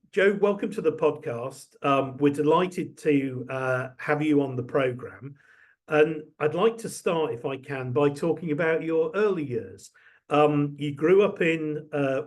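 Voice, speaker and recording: A man hosting a podcast interview, speaking in a measured way with some hesitant fillers. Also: fairly high pitch, a little mellow. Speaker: podcast host.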